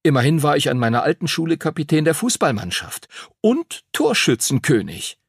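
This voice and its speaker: A man voicing an eager, scatterbrained boy who rushes his words and stammers when nervous. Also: a little high, wildly swooping pitch, slightly rough, no room sound, clean studio sound, pitched above the performer's own voice, heavily acted.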